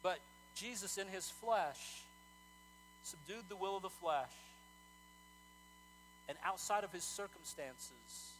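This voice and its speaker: A male pastor preaching a sermon in a conversational, animated way, often repeating words as he talks. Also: on the high side, slight background noise, low-quality recording.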